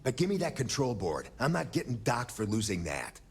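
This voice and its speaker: An actor playing a gruff, pragmatic space operative in a video game, blunt and dryly commanding. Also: male voice, medium pitch, very animated, fairly quick. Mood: firm, irritated. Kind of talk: video game character dialogue.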